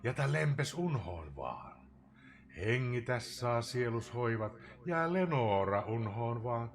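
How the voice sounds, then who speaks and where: A man giving a dramatic poetry recitation, swinging between loud outbursts and hushed whispers. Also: medium pitch, very animated. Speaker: live streamer reading a poem.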